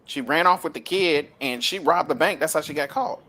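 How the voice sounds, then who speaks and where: A man's voice: fairly high pitch, a little fast, pushed and bright. A man hosting a casual film discussion, recapping plots with frequent laughter. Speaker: host.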